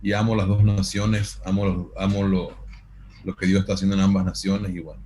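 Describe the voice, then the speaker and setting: A man in his forties with a very low voice tells his testimony as an interview guest. He speaks in an earnest, measured way, with some restarts, over a video call. A faint ambient hum sits under his voice. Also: little pitch movement, mellow. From Paraguay. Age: 40s. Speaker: guest, actor and pastor.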